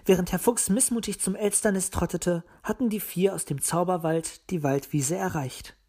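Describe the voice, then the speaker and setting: A woman narrating a children's story audiobook in a calm, measured reading. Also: fairly low pitch, slightly rough.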